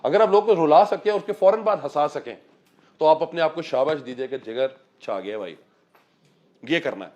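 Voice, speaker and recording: Animated man coaching public speaking. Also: a little high, moderate pace. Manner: animated, mixes Urdu and English, addresses listeners as sir. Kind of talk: motivational talk to a class.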